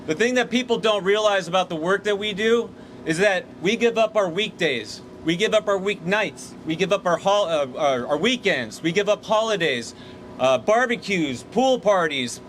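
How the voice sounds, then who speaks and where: Union leader rallying workers outdoors; higher-pitched man, fired up. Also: lively intonation, moderate pace, a bit bright, a little hiss or hum. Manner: rousing, call-and-response chanting. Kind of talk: rally speech. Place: outdoors by hotels.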